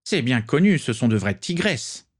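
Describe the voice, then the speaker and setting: A man's voice: mid-range voice, big pitch swings, normal speed, breathy edge, voice pushed up. A man voicing a sneering, bigoted pureblood wizard with a mocking tone.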